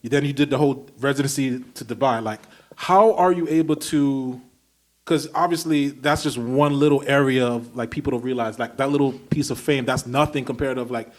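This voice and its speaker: A man's voice: medium pitch, moderate pace. A man from Brooklyn hosting a podcast, asking long, enthusiastic, rambling questions in casual conversation. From Brooklyn, New York. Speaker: podcast host. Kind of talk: casual interview chat.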